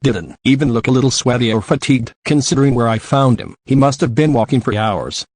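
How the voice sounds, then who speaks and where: Man reading a deadpan young female spy. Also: medium pitch, brisk, no room sound, clean studio sound, lightly acted.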